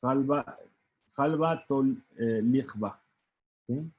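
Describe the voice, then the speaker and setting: A man's voice: mid-range voice, drawn-out words. A man teaching a Talmud study lesson who keeps asking "¿sí?" and trails off into hesitant fillers. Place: study hall. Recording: dull lo-fi recording.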